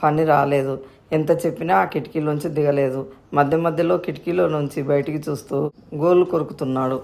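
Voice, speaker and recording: A woman reads a storybook aloud in a steady, calm manner. Her voice is low and dark, with a gravelly grain. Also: brisk. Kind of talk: scripted narration.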